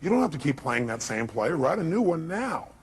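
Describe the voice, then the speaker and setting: A man giving a motivational seminar talk, animated and acting out the voices he quotes, sometimes shouting. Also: fairly high pitch, brisk, breathy edge. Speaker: motivational speaker.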